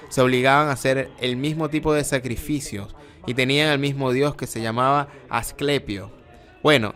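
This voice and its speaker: A man's voice: medium pitch, fairly bright tone. A man giving a lecture, explaining terms step by step and often correcting himself mid-sentence.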